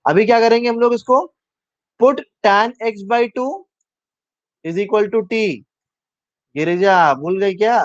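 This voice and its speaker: Male maths tutor, slightly high voice, dull dry recording, walks students through steps and quizzes them. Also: smooth, no room sound. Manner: talks through steps aloud, asks students questions; mixes English maths terms into Hindi. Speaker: maths teacher. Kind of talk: live online maths class.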